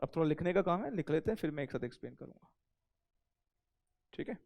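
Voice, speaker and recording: High-voiced man teaching accounting. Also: expressive, fast talker, creaky, darkish tone. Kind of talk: recorded classroom lecture.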